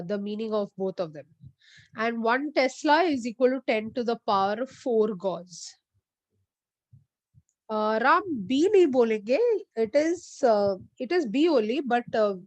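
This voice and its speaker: A woman teaching a physics lesson online, talking very slowly and deliberately in a fairly high voice. She quizzes her students by name and switches freely between English and Hindi. Her voice is close and dry, with no room sound. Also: no echo. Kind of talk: online class lecture. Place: online classroom.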